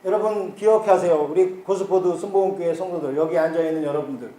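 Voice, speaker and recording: A man's voice: on the high side, fairly even intonation, fast talker, mellow, roomy sound. A pastor in his fifties, from Korea's Chungcheong region, preaching a folksy, humorous retreat sermon and asking the congregation questions. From South Korea, Chungcheong region. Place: church hall with congregation.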